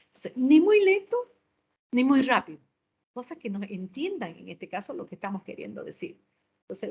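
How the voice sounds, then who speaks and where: A woman teacher lectures on public speaking, explaining step by step and often checking in with short tag questions. Her voice is medium-pitched and slightly rough.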